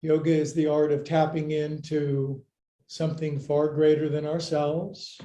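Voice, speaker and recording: Man, yoga teacher, playful and jokey, slightly high voice, slow pace. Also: little pitch movement, mellow. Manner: playful, jokey cueing with counting. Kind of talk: live-streamed yoga class instruction. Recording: echoey room.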